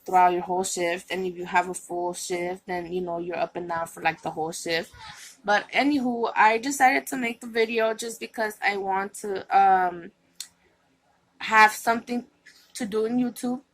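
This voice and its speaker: A woman's voice: mid-range voice, steady tone, moderate pace, fairly bright tone, rough recording. A woman vlogging to her viewers, chatting in a rambling way with many fillers and restarts, and sounding tired. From California. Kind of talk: casual vlog chat.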